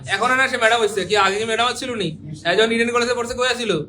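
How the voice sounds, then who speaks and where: A man's voice: very high voice, fast talker, sharp tone. A male teacher, leading an exam-prep grammar class and quizzing students with repeated questions and jokes.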